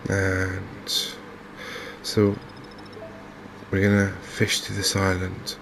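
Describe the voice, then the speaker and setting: Speaking softly and without hurry, an Englishman with a deep voice provides ASMR-style commentary over gameplay as a video host, often hesitating. The recording carries a clear, constant background noise.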